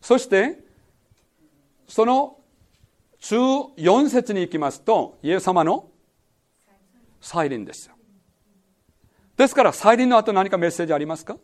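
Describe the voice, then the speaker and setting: A man leads a sermon-style Bible study in a high voice with a lot of rise and fall. He keeps questioning his listeners and hammers home key words by repeating them. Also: lively intonation, unhurried, long pauses. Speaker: pastor teaching a Bible study.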